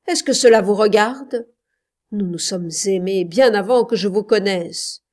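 A woman's voice: fairly low pitch, steady tone, measured pace, a little mellow, natural voice. A woman reading aloud voices a defiant wife who answers her husband's questions in curt, cold replies in a storybook reading.

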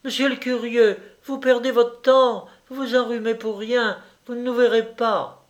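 Male reader doing a teasing elder sister, high and loud, storybook voice, unhurried. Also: animated, reverberant. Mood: mocking. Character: elder sister, teasing, bossy young woman.

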